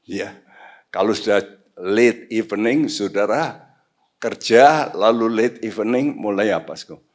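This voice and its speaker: A male pastor preaching a sermon, swinging from quiet low asides to sudden loud high outbursts, slipping in English phrases. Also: expressive. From Indonesia. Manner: slow, deliberate, mixes in English phrases. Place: church sanctuary.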